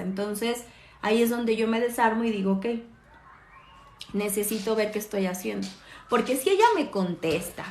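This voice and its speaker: A woman, a therapist and mother speaking earnestly on a phone live stream. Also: mid-range voice. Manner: earnest, explanatory, with self-corrections. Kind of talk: live-stream parenting talk. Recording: roomy echoey room.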